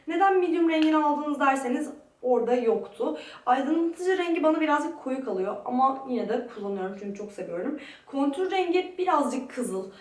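Echoey, higher-pitched young woman vlogger. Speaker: beauty vlogger. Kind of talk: casual product review to camera. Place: very echoey room in a friend's home. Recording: echoey room, distant microphone.

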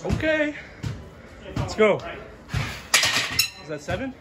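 A man vlogs his workout in a makeshift backyard gym outdoors, using casual bro slang, swearing and hyping his friends up. His high voice is sing-song and slow. Shot on a handheld camera or phone, the audio has loud music playing over his voice.

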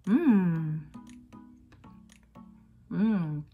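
A woman's voice: lowish voice, animated, extremely slow, narrow, tinny audio, over music. A woman vlogger in a casual taste test, chewing while talking and reacting aloud to the food.

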